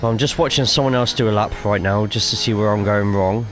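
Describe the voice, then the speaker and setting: A man's voice: fairly low pitch, fairly quick, a bit bright, a little hiss or hum. A man with a cough giving casual, chatty live commentary while streaming a sim racing game, swearing freely and reading chat aloud.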